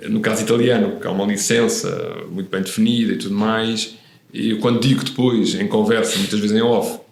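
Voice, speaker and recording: In an echoey room, an Italian-born real estate professional in his fifties speaks as a podcast guest. His lowish, darkish voice is steady and brisk, though the relaxed interview talk is thoughtful and marked by frequent hesitations and restarts.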